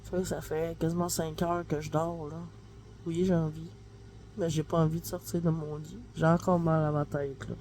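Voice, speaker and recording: A Québécois woman filming herself at home on a handheld phone, rambling cheerfully with plenty of fillers. Her voice sits a bit low and sounds mellow. Right now it is blocked up and nasal from a stuffy nose. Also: little pitch movement, moderate pace, slight background noise. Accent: Québécois French. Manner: chatty, rambling, full of fillers like "là" and "tu sais". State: stuffy nose, talking through the nose. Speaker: vlogger and mom. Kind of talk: casual home vlog chat. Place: at home, kitchen then in bed. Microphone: handheld phone camera, no tripod.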